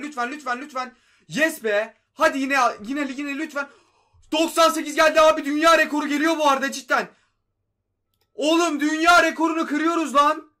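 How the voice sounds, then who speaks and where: A hoarse young man giving casual gameplay commentary, pleading with and grumbling at the game as he talks to his viewers. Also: high voice, pushed and bright. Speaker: mobile game YouTuber.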